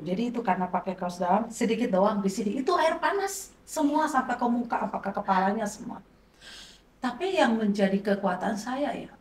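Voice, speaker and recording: Middle-aged woman sharing a heartfelt testimony, roomy sound. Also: fairly high pitch. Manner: conversational, acts out quoted dialogue. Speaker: pastor's wife giving a testimony. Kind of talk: emotional personal testimony. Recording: roomy, distant mic, faint noise.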